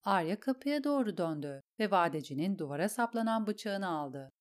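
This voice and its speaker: A woman narrating an audiobook in a steady, measured storytelling voice. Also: mid-range voice. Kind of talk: audiobook reading.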